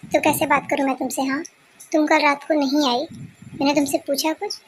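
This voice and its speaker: A woman's voice: sits high, little pitch movement, brisk, a little hiss or hum, lightly acted. A woman voicing a cold, curt young husband in a fan-dubbed romance story, talking in a brusque, scolding way.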